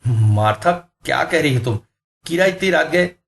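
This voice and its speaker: A man voicing a cautious, level-headed husband named Victor in a horror story, speaking in a hushed, puzzled tone. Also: a little high, expressive, moderate pace, vocal fry, voice pushed up. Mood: uneasy.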